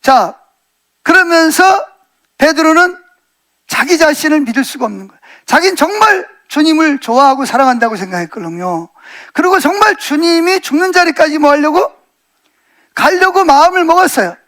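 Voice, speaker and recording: Speaking at a normal speed in a very high-pitched voice, a middle-aged male pastor preaches and retells a story. He acts out the quotes vividly and often turns to the congregation with questions.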